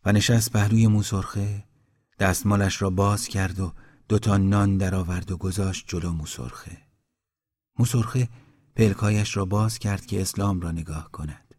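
A man reading a story aloud in a calm, measured way, giving each villager a voice. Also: low-pitched. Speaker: narrator.

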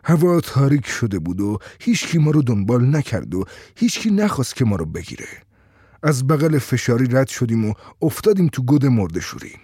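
Husky, mellow male storyteller. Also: mid-range voice, very animated, dry recording, studio quality. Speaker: narrator. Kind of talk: storytelling narration.

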